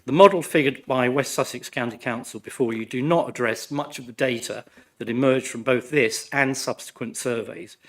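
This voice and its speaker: A man, his voice croaky from flu, reading a formal, measured and critical speech as a councillor. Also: medium pitch, a bit bright. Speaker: ward councillor addressing a planning committee. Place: council meeting room.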